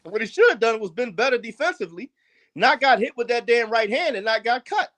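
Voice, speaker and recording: High-pitched guy on a boxing podcast, opinionated, leans hard on his points. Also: lively intonation, a little fast, a bit bright. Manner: emphatic, opinionated, argues points firmly. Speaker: podcast co-host. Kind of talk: casual boxing talk.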